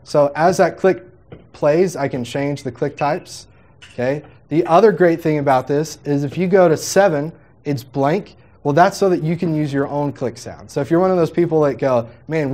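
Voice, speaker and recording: Upbeat man teaching a software workshop. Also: a little high, a little hiss or hum. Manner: upbeat, jokey, chatty teaching with quoted asides. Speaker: music software trainer. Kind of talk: live workshop demonstration.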